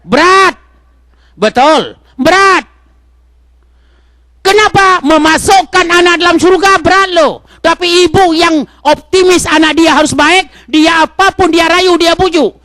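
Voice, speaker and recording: A man preaches in a mosque with a very high voice. His delivery is animated, jumping between raised exhortation and quiet asides, and he keeps asking the listeners questions. The sound is dry and close, with little room echo. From Indonesia. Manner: animated, swings from loud exhortation to soft asides; talks straight to the congregation with questions. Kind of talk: sermon.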